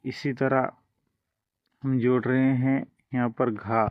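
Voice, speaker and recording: A man's voice: mid-range voice, level tone, slow, no echo, muffled recording. A man teaching a language lesson, explaining each step patiently and drawing out the example sounds.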